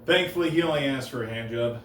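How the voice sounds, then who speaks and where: A stand-up comic speaks in a flat, deadpan manner at a normal middle pitch, stumbling slightly and pausing before each punchline of his one-liners. The recording comes from a distance in a roomy live room, where his voice rings out over faint room noise.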